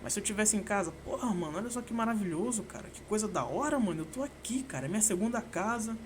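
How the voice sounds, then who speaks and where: A man's voice: high voice, lively intonation, quick pace, a little hiss or hum. A young man from Brazil hosting a solo podcast, rambling casually and swearing a lot, with constant slang fillers. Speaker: podcast host.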